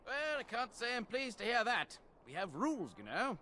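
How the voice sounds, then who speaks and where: An actor playing a sly bandit leader who extorts travelers with a fake toll, sarcastic and scheming. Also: male voice, very high-pitched, big pitch swings, normal speed, pushed and bright, slight background noise, exaggerated voice. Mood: smug. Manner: sly, sarcastic, then groveling.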